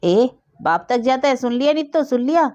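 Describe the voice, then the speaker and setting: A woman's voice: fairly high pitch, fairly quick, warm tone, lightly acted. A woman voicing a spiteful, nagging old woman who scolds and shrieks, in a slightly dull recording. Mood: shrieking.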